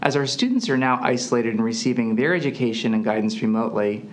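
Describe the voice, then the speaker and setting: A man's voice: mid-range voice, animated, quick pace, a little hiss or hum. Middle-aged man, formal scripted address. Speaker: space education center representative. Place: indoor studio with plain backdrop.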